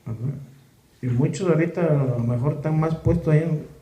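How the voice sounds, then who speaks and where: A man's voice: fairly high pitch, a little fast, warm tone. A man preaching a sermon, with many rhetorical questions to the congregation. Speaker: pastor. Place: church hall. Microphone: camera or phone in the room. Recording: echoey church room, faint noise.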